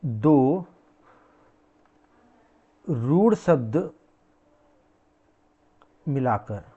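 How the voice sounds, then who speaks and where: Male teacher, lecture style, repeats and quizzes the class; warm dark tone. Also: medium pitch, animated, very slow, husky, highs cut off. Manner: repeats key words, quizzing the class with questions.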